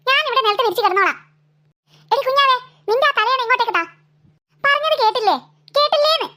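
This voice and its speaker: A weary cartoon mother scolds her squabbling daughters at bedtime. Her voice sits very high and bright, and her nagging comes out in a brisk, exasperated run. She sounds fed up but keeps on scolding. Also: lively intonation, heavily acted. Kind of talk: cartoon voice acting.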